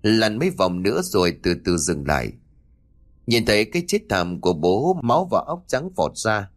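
A man reading a ghost story aloud in a dramatic, expressive manner. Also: lowish voice, moderate pace. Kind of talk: scripted ghost story narration.

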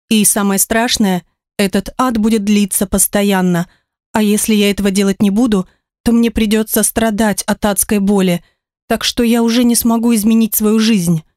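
A woman voicing a cursed young woman, quiet and resigned, in an audiobook. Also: medium pitch, no room sound, clean studio sound, close to an everyday voice.

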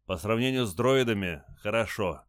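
A man's voice: on the low side, animated, normal speed, clear, resonant tone, no echo, clean studio sound, close to an everyday voice. A man voicing a dazed, wary young space pilot who talks bluntly.

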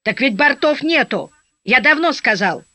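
Woman reader doing a gruff, blunt army officer; audiobook, bright voice, dry and slightly dull sound. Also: sits high, animated, unhurried, no echo, heavily acted. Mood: gruff irritation. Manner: barks, then softens into blunt fatherly talk. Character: burly gruff male army lieutenant colonel. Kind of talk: audiobook reading.

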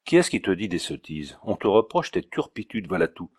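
A man's voice: low voice, sing-song, a little fast, darkish tone, slightly rough, no room sound, studio quality, exaggerated voice. A man reading the part of an indignant, pompous male doctor who scolds sternly in an audiobook.

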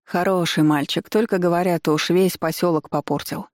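A woman voicing a bossy, sharp-tongued old grandmother who grumbles and scolds bluntly, recorded dry and close. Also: fairly low pitch, steady tone, moderate pace, no echo, lightly acted. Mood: grumbling. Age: older.

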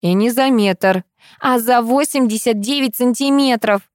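A woman's voice: a little high, a little slow, no echo, studio quality, pitched above the performer's own voice, close to an everyday voice. A woman playing a naive, bewildered young wife.

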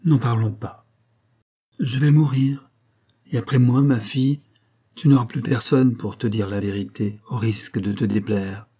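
A man's voice: medium pitch, fairly even intonation, a little slow, warm tone, husky. A man reading an audiobook voices a dying old female servant who solemnly reproaches the young woman she raised. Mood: stern.

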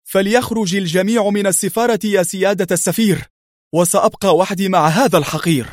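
A man voicing a calm, stern male hero agent with a firm, controlled manner. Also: high voice, fast, dry recording, clean studio sound, close to an everyday voice.

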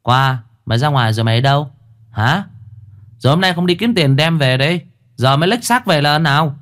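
A man's voice: high voice, big pitch swings, a little fast, a bit bright, pitched above the performer's own voice, exaggerated voice. A man voicing a cruel young mother in a told ghost story, screeching abusive insults. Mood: furious. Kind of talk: storytelling with character voices.

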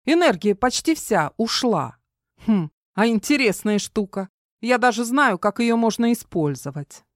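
A woman doing a jumpy, sharp-tongued young woman. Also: a little high, very animated, no echo, clean studio sound, pitched above the performer's own voice. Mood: snappy. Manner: rapid, flustered, snapping.

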